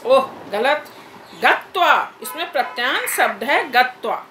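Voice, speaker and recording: A woman's voice: sits high, big pitch swings, takes it slowly, echoey room, background noise. A woman teacher leading an online class over a video call, patiently repeating corrections and calling on students by name.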